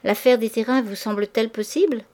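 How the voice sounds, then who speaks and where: A woman reading a novel aloud, voicing a suave male store owner who charms society ladies in a smooth, flattering, actorly tone. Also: a little high, fairly quick, natural voice.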